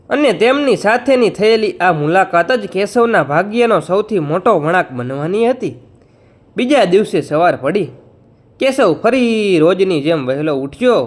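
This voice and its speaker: A male storyteller narrates a heartfelt moral folk tale from a script, leaning into its emotion. His voice sits high and moves with a lively, animated range.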